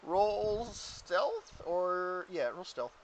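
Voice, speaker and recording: A woman's voice: lowish voice, lively intonation, very slow, slight background noise, rough recording. A woman narrating as game master in a casual, giggly way, full of "like"s.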